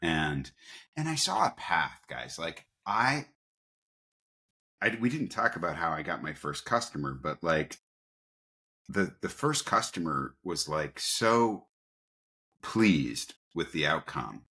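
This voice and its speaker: A bass-voiced man with a sharp tone speaks slowly and very animatedly, pausing often. He's an interview guest and company founder, telling casual stories informally and acting out dialogue along the way.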